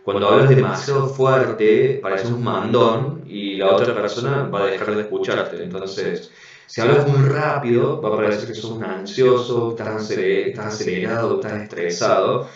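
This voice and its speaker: A man with a Rioplatense Spanish accent giving an online class, explaining calmly and often checking in with tag questions, heard over a video call. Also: lowish voice, normal speed. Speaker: instructor. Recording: very echoey, dull lo-fi audio.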